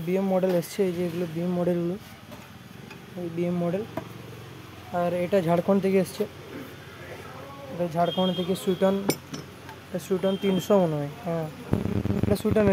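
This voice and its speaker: A young man with a West Bengal Bengali accent films a casual showcase vlog on a handheld phone inside his cluttered electronics repair shop, speaking informally and repetitively. His voice sits high with a warm tone, and the recording is noisy.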